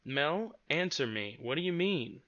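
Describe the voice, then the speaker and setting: A man's voice: on the high side, very animated, measured pace, fairly bright tone, voice pushed up. A man voicing a worried young woman who insistently presses her sister with questions in an audiobook, on a dull, dry recording. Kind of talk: audiobook character voice.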